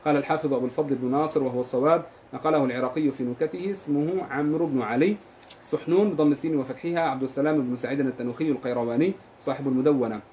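رجل يقرأ نصًا تراثيًا في درس بسرعة، ويضبط الحروف والحركات كلمةً كلمة. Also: male voice, medium pitch, a little mellow, slight background noise. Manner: reads quickly, spells out vowels and letters. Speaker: reader of the text in a lesson. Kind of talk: rapid recitation of a classical text.

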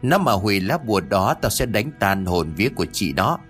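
A cruel old sorcerer sneers in a dropped, gruff register, as a man puts him on. The pitch of his lines swings widely, and faint music plays behind the storybook reading. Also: sing-song, moderate pace, a bit bright. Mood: sneering. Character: cruel old male sorcerer, scornful then groveling.

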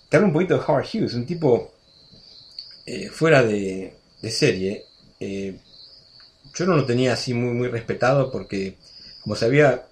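A man in his sixties with an Argentine accent, a radio guest telling stories in a chatty way, full of restarts and asides. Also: lowish voice. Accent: Argentine Spanish. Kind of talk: casual storytelling interview.

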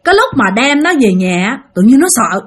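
A woman's voice: on the high side, sing-song, brisk, husky. Chatty woman with a Southern Vietnamese accent. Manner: chatty, addresses listeners directly. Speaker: storyteller. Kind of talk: spoken ghost story.

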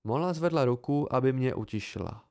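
A man reading a novel aloud as an amateur audiobook narrator, in a calm, steady manner. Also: mid-range voice, gravelly. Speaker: audiobook reader.

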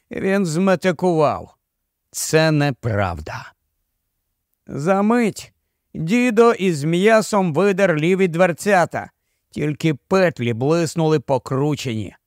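A man's voice: fairly high pitch, dry recording, clean studio sound. A man narrating a horror audiobook in a dramatic, tense storytelling manner. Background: faint music.

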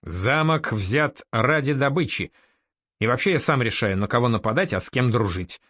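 A man's voice: medium pitch, sing-song, normal speed, no room sound, studio quality, lightly acted. A man reading a blunt, defiant raider chief. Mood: brusque. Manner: curt and sharp-tongued. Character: bold, blunt young male raider-merchant leader.

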